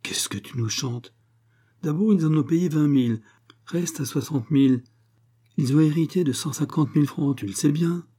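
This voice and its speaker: A husky-voiced man playing an indignant, exasperated middle-aged bourgeois husband in an audiobook reading. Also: fairly high pitch, normal speed, mellow, pitched above the performer's own voice, close to an everyday voice. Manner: indignant, protesting.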